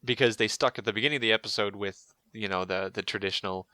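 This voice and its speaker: A man with a low, bright, forceful voice co-hosts a casual podcast chat. He rambles along with plenty of fillers and restarts. The sound is close and dry. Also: fast talker, no room sound. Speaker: podcast co-host.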